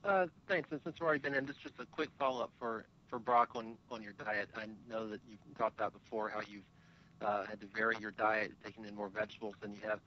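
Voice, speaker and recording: Fast-talking man reporter on a dull line. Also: steady tone. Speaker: journalist asking questions. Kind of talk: press call questions. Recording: dull phone line, rumbling noise.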